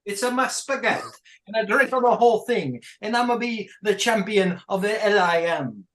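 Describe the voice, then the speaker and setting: A man's voice: high-pitched, moderate pace, fairly bright tone. A man hamming up a boastful mobster-style wrestler with a put-on Italian-American accent. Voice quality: exaggerated broken-English caricature. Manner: boastful, trash-talking. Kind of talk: comedic wrestling podcast bit.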